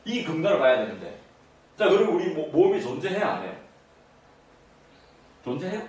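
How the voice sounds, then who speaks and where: Man, lecturer, quizzes audience, animated pitch, echoey room, distant mic. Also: moderate pace. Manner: keeps quizzing the audience with either-or questions. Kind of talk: interactive lecture to a seated audience.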